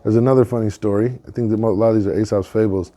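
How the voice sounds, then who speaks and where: A man with a low, mellow voice tells fables and life lessons in relaxed slang. He moves from playful to reflective, pausing to draw out the moral. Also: faint music behind. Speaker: guest entrepreneur. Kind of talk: casual storytelling.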